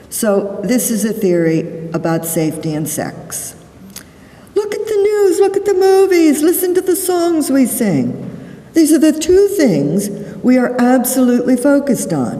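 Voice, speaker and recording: A woman psychologist giving a conference lecture, explaining deliberately and stressing key words. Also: mid-range voice, warm tone. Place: large conference hall. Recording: echoey hall, voice from far off the mic.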